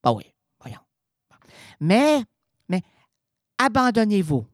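A man's voice: sits high, wildly swooping pitch, takes it slowly, no echo, clean studio sound. Playful rambling radio man. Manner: rambling, playful, wordplay and stammered restarts. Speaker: radio host. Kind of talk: absurd comic storytelling on radio.

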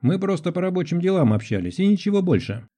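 A guilty, balding husband from an audiobook comedy scene, whining out excuses in a thin, raised voice, as a narrator plays him. The underlying tone is dark. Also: male voice, high voice, very animated, fast, voice pushed up. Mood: whiny excuses. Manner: whiny, excuse-making.

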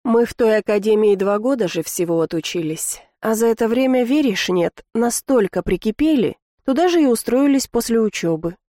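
A woman's voice: fairly high pitch, animated, moderate pace, hardly any pauses, dark tone, dry recording, studio quality, close to an everyday voice. A woman doing a blunt slangy brother. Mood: chatty. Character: brash grown-up man, heroine's long-lost brother.

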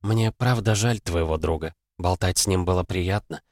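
A man reading the part of a calm, sober young goddess in an audiobook, speaking softly and earnestly. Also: deep voice, moderate pace, dry recording, clean studio sound, lightly acted. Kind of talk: audiobook character voice.

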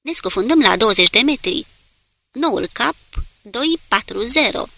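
A woman's voice: a little high, expressive, creaky, bright, forceful tone, dry recording, voice pushed up, heavily acted. Woman reading as a stern submarine commander. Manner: clipped, firm orders.

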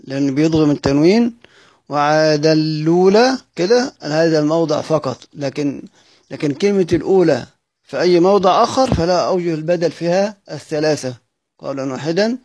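A man with an Egyptian Arabic accent explains a classical text, voice pitched a bit high for a man. He stretches words out slowly when he repeats them and keeps posing his own questions before answering them. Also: darkish tone. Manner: clears his throat often. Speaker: Quran recitation teacher.

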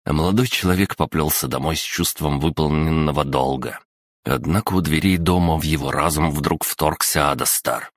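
A male audiobook narrator with an extremely deep voice tells the story steadily and expressively. The recording is close and dry. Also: moderate pace, no echo. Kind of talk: scripted narration.

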